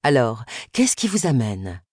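A woman voicing a confident, flattering male hairdresser in an audiobook, in a lowered, self-assured voice. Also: a little slow, husky, dry recording, studio quality, exaggerated voice. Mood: smooth.

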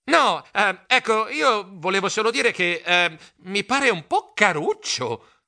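A man's voice: sits high, lively intonation, takes it slowly, bright, forceful tone, pitched above the performer's own voice, heavily acted. A man voicing a nervous, flustered male mouse who hesitates and stammers in a storybook audiobook.

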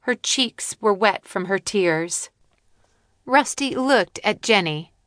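A woman narrating a children's audiobook with slow, clear storytelling. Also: mid-range voice, animated, a bit bright, dry recording, clean studio sound. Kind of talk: scripted narration of a children's book.

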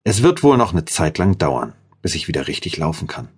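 A man's voice: extremely low pitch, very animated, fairly quick, slightly rough, full character voice. A man voicing an injured young woman in a drama audiobook, who speaks in a weak, strained and tender way. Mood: pained, weary.

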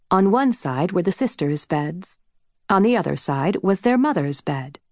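A woman narrating a children's audiobook with an unhurried, gentle reading. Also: mid-range voice, dry recording, clean studio sound. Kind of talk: scripted narration.

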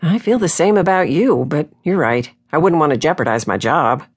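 A woman voicing a spirited young female deputy who talks in a bright, quick, teasing way, read for an audiobook. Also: deep voice, animated, breathy edge. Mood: apologetic.

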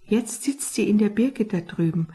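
A woman's voice: medium pitch, lively intonation, mellow, slightly rough. A woman doing an impatient leader sparrow. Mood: eager. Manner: brisk, impatient.

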